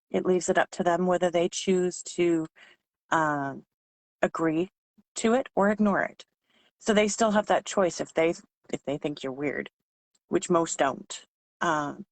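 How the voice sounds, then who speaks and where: A woman whose voice is hoarse and giving out, talking informally as a trainer explaining sales tips. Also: sits low, dry recording. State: losing her voice, hoarse. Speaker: sales trainer for direct-selling consultants.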